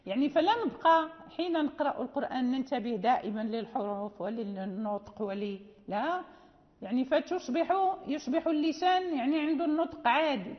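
A woman teaching Quran recitation rules, patiently demonstrating pronunciations slowly and checking with the listener as she goes. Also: high-pitched, animated. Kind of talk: tajweed lesson. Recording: dull audio in a reverberant hall.

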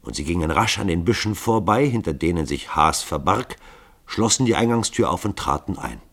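A man with a very low, husky voice narrates a radio play in a measured storytelling way. His pitch moves through a lively range, and he sounds close to a studio microphone.

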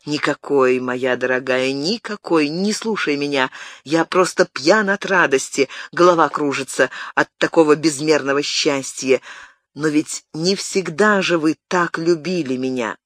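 A reader voicing a troubled, passionate young nobleman in an audiobook, speaking in a brooding, slow and anguished way. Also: on the high side, fairly bright tone, dry recording, clean studio sound. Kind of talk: audiobook narration.

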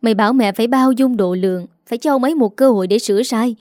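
A woman's voice: on the high side, quick pace, warm tone, no room sound, clean studio sound, close to an everyday voice. A woman voicing an aging village mother who is tearful and bitterly complaining. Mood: indignant.

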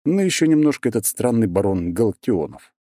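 A man narrating an audiobook with expressive storytelling, his low voice rising and falling in lively turns. The tone is dark and mellow, and the recording is close and dry. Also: a little fast, dry recording. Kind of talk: scripted narration.

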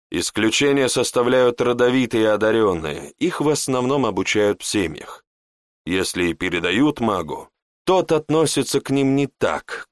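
A man reading an audiobook, voicing a calm male servant who answers in a measured, dry way. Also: fairly low pitch, no echo.

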